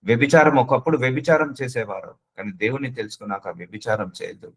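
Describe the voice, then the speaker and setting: A man's voice: mid-range voice, quick pace, low-quality recording. A man preaching a sermon, earnestly addressing the listener with repeated questions and slipping English words into his speech.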